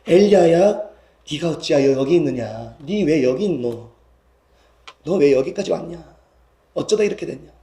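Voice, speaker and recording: A man voicing God as a tender, consoling figure, speaking softly and low with a Gyeongsang accent. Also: normal speed, close to an everyday voice. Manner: soft, low, hushed and consoling. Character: gentle, tender God calling a weary prophet. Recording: echoey church hall.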